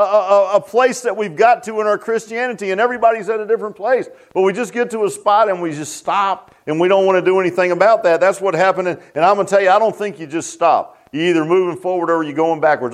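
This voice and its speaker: In the church sanctuary, a deep-voiced pastor delivers a sermon to his congregation, restarting and repeating his lines and calling out to the people gathered.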